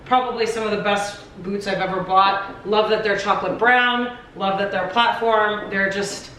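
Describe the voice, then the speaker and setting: A woman's voice: mid-range voice, steady tone, normal speed, pushed and bright, a little hiss or hum. A young adult woman chatting casually through a fashion styling vlog, upbeat and full of filler "like"s. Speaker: fashion vlogger. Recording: echoey room, distant mic.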